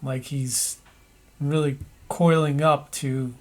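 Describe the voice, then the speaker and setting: A man narrating an animation tutorial, thinking aloud as he works, with pauses and restarts. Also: on the high side, fairly even intonation.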